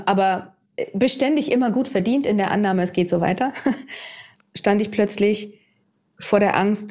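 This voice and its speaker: A woman in her fifties, a TV presenter, telling her personal story to an interviewer in a candid, animated way. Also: mid-range voice. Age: 50s. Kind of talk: personal testimony in conversation.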